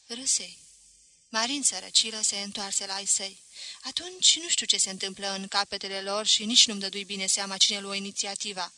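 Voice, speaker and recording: Bright-voiced woman reading a novel. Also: medium pitch, dry recording, low-quality recording. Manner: steady, expressive storytelling. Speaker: audiobook reader. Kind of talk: literary audiobook narration.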